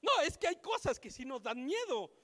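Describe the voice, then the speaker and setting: High bright-voiced Mexican pastor preaching. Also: male voice, normal speed. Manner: animated, shifts between storytelling and emphatic preaching. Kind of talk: sermon with personal anecdotes. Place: church hall. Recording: reverberant church hall.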